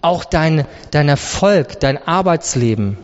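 A man's voice: fairly high pitch, animated, takes it slowly. A man preaching a sermon, impassioned, driving his points home by stacking repeated phrases. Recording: long hall reverb, dull lo-fi sound.

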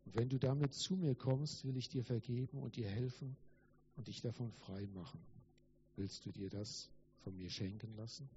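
A gentle, kind child Jesus from a read-aloud story, voiced plainly by a man. The delivery is earnest and emphatic with a mellow, dark tone. The sound is slightly dull, with faint background hiss. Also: mid-range voice, moderate pace, close to an everyday voice.

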